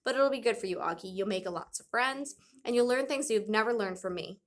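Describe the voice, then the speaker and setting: A woman voicing a loving mother who gently persuades her son, read aloud from a storybook. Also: on the high side, a little fast, lightly acted. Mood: coaxing. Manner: coaxing and reassuring.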